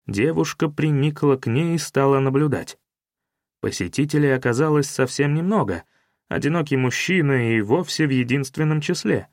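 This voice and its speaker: A man narrating a detective novel as an audiobook in a wry, measured storytelling manner. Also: medium pitch, a little mellow, dry recording, studio quality.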